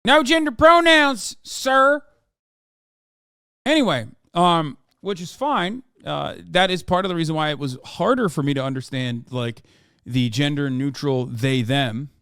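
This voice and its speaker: This thirtysomething man, whose native language is Turkish, delivers an exasperated, foul-mouthed reaction stream straight into a close mic. His voice is on the high side and fairly bright, clean-toned, with no echo.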